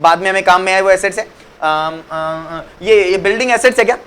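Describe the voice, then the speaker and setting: Brisk, high-pitched and clear, with a fairly bright, resonant tone, this man teaches accounts in a lively lecture where he asks students questions and answers them himself. He blends English phrases into Hindi and affectionately calls students "beta."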